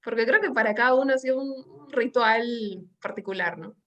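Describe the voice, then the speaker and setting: A woman's voice: fairly high pitch, a little fast, bright, forceful tone, highs cut off. A woman hosting an interview, with a slightly raised voice. She talks in an engaged, thoughtful way and puts in some fillers as she goes. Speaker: interview host. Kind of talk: conversational interview.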